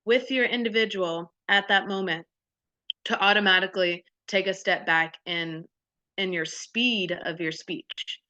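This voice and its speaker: A woman from Texas talks over a video call in a bright, forceful voice with a lowish pitch. The audio is dull and dry, and she talks with plenty of enthusiasm and "uh" fillers. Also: dry recording. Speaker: deafblind intervener specialist. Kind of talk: online group discussion.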